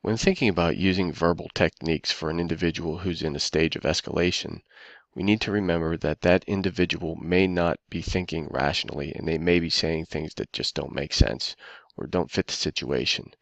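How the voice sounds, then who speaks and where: A man with a low, gravelly voice narrates a training presentation in a measured, instructive tone. The sound is dry and close, with no room around it. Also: steady tone, no echo.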